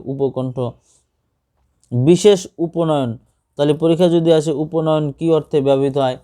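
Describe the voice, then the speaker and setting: A man's voice: a little high, dark tone. A man teaching an exam-prep grammar lesson, reading out word lists and asking and answering his own questions.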